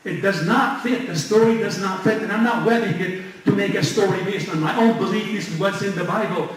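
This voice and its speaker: A man's voice: sits high, fairly quick, a little hiss or hum. A man giving a conversational religious lecture in a mosque hall, often searching for words. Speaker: mosque speaker. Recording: very echoey hall, far mic.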